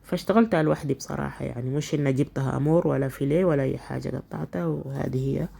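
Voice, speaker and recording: A woman's voice: extremely low pitch, racing, dark tone. A woman with a stuffy, congested nose from a cold, chattily explaining home cooking step by step in a casual way. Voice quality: nasal, congested, husky. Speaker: cooking vlogger, host.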